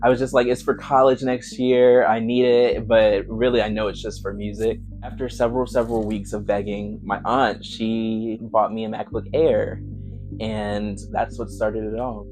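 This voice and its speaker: A young man telling his own story in a reflective, candid documentary interview, unhurried and soft-spoken. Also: on the low side, flat delivery, music in the background. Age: young adult. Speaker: musician narrating his documentary.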